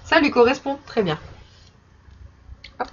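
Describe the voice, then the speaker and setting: A young woman casually chatting in her vlog while showing stickers she bought, with many fillers and soft laughs. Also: high-pitched, expressive, a little slow, breathy edge. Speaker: vlogger. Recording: slightly dull recording with faint background noise.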